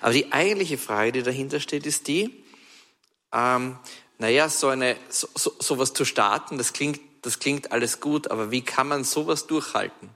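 A man preaching a sermon, telling stories in a chatty, lively way with frequent restarts and asides. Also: mid-range voice, normal speed. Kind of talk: storytelling sermon. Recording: long hall reverb.

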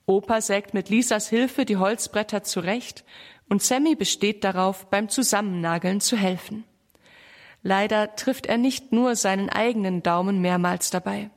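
A woman narrating a children's story in an even storytelling voice. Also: mid-range voice, moderate pace.

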